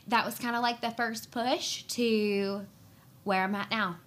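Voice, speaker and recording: A young adult woman, a worship leader and pastor's wife, earnestly and emotionally recounting her faith journey in conversation, pausing often with "um". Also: a little high, steady tone, fairly bright tone. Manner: earnest and emotional, with frequent "um" pauses. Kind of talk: personal storytelling in conversation.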